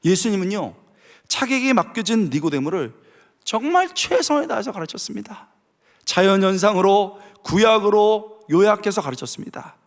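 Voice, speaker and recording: Animated high-voiced man preaching in a reverberant church. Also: normal speed. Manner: animated storytelling, acts out family voices. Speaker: pastor. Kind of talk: sermon.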